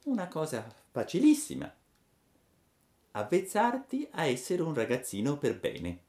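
A man voicing a soft, stern fairy mother. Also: wildly swooping pitch. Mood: gentle. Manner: soft, low and measured, slow and admonishing. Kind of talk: storybook reading.

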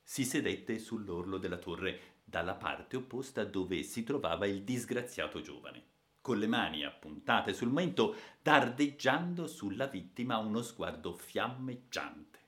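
A male narrator with a lowish voice and a bright, forceful edge reads an adventure novel aloud. His storytelling is expressive and steady, carrying tension through long descriptive passages. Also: unhurried. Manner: expressive storytelling, reads the captive's lines with alarm. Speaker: audiobook narrator. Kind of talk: scripted narration.

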